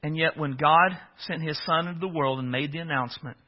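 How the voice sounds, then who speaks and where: A man's voice: on the high side, a little fast. A man preaching a sermon as a pastor, earnest and emphatic, with small restarts as he talks. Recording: dull lo-fi audio.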